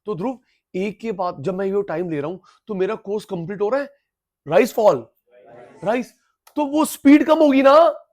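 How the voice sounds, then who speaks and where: A man's voice: sits high, animated, normal speed, a little mellow. A man teaching a classroom lecture, drilling terms over and over, mixing in English, and teasing students who come in late. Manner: teasing, scolds latecomers playfully.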